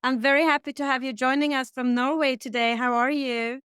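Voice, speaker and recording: A woman hosting a podcast, reading set interview questions in a steady, bright tone. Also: sits high, fairly quick, clean tone, no echo. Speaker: podcast host. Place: Stockholm.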